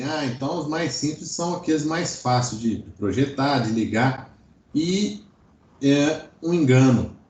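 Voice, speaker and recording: In an informal online electronics class, a Brazilian teacher with a fairly high, somewhat mellow voice explains topics and regularly checks in using short tags. The sound is echoey, as if captured in a roomy space.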